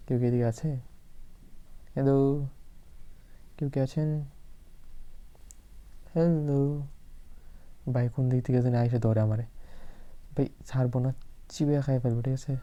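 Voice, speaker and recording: A man hosting a gaming channel, giving chatty horror game commentary alone in a room at night, repeating words in quick bursts. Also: medium pitch, steady tone, dark tone, lo-fi sound.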